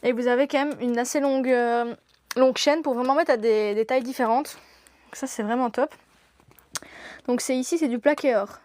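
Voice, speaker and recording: A woman's voice: high-pitched, fairly even intonation, moderate pace, darkish tone, no room sound. A young woman presenting products in a shop during a live stream, gushing and laughing often.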